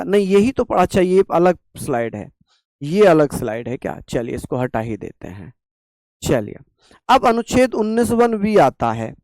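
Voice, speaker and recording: A man teaching a class on constitutional rights, asking rhetorical questions and slowly repeating key terms. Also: sits high, darkish tone, dry recording, studio quality.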